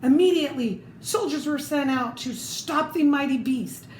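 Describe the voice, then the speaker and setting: Reading a children's storybook with plenty of expression, this woman speaks at a normal pace in a high, somewhat mellow voice and adds small asides for the listener. There's a roomy echo and noticeable background noise.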